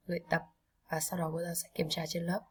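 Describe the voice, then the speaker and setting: A woman's voice: lowish voice, monotone, a little fast, slightly rough, rough recording. A woman English teacher with a Vietnamese accent, drilling vocabulary for young pupils and repeating each word several times.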